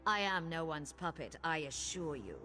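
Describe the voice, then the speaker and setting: A woman's voice: sits low, very animated, moderate pace, pushed and bright, faint music behind, exaggerated voice. An actress playing a royal, imperious, mocking and power-hungry queen in a video game. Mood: mocking, menacing. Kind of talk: video game character acting.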